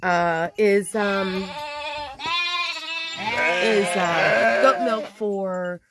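With a phone held at arm's length, a farm vlogger from Panama in her thirties, mid-range in voice, walks viewers casually through an open-sided pen on an outdoor farm. Her relaxed talk is full of ums and restarts, and loud bleating from goats and sheep plus outdoor noise fill the recording.

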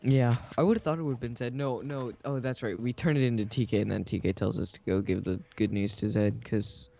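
Gravelly young man chatting while gaming. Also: medium pitch, steady tone, fairly quick, dark tone. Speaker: gamer co-host of a let's play. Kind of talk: casual gaming chat.

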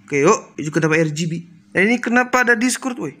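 A young man from Indonesia giving casual, excitable gameplay commentary for his channel, chatty and quick to exclaim. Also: sits high, background noise. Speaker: gaming YouTuber. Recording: game music loud behind voice. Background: game music and sound effects.

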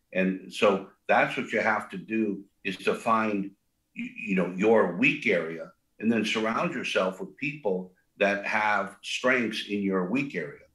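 The recording is poor and the room echoey as an older man, co-founder of a restaurant, talks casually in an interview. His big voice sits on the low side and is a bit bright, and he rambles with many fillers and restarts.

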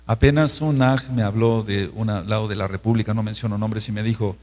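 A man's voice: fairly low pitch, steady tone, brisk, a little mellow. A man with a Mexican Spanish accent, a pastor teaching a sermon-style Bible study, who repeats phrases for emphasis and keeps asking his listeners if they follow. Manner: emphatic, repeats phrases, asks the congregation questions.

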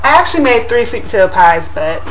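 Her voice is fairly high with big pitch swings and a quick pace as this young woman chats upbeat to her webcam about a pie crust shield. It's a casual product review vlog filmed in her home kitchen, captured on the built-in mic close to the camera, with faint music behind and a rough recording.

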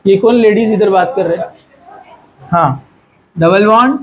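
A man's voice: high voice, a little slow, lo-fi sound, a little hiss or hum. A man teaching a chemistry class in Hindi. He quizzes the students, scolds them and jokes with them. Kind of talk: classroom lecture.

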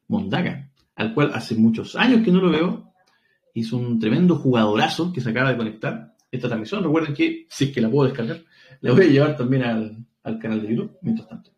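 A man's voice: medium pitch, darkish tone, highs cut off. A man hosting a live stream, analyzing a chess game in a chatty, joking way and thinking aloud.

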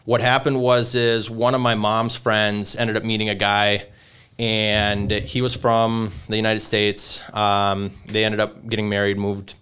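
A young man from Lithuania, talking casually as a podcast guest. His voice sits low and sounds clean and resonant. He rambles through his story with lots of fillers and restarts. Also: little pitch movement, unhurried, a bit bright, smooth. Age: 20s. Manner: rambling, hesitant, many fillers.

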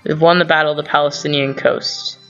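This gaming channel host speaks briskly in a level tone, his voice a little high and fairly bright. He works through strategy game commentary aloud, full of rambling asides and self-corrections. The sound is dull and lo-fi, with faint background music.

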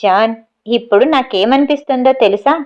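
A playful young man teases his sweetheart down the phone in this audiobook novel, as a woman reads him in her own fairly high voice. His talk is affectionate and mischievous. The audio sounds dull and lo-fi. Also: fairly quick, lightly acted. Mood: teasing. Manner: teasing and affectionate.

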